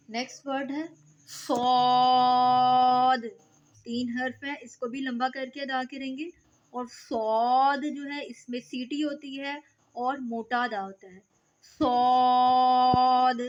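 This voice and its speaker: A woman's voice: sits high, steady tone, a little slow. A woman teaching beginners to read Quranic letters, patiently drawing out each sound. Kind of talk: recitation lesson for beginners.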